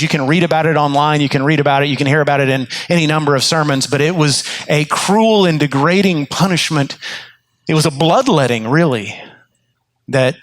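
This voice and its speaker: A male pastor delivering a sermon in an earnest storytelling manner, now and then acting out a character's inner thoughts. His voice sits a little high for a man. The sound is dry and close, with almost no room around it. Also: no echo, rough recording. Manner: frequent repeated words and restarts.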